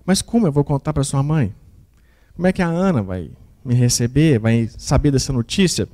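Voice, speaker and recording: A man voicing an ashamed older father who talks quietly and hesitantly, with a mellow tone. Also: medium pitch, expressive, normal speed, close to an everyday voice.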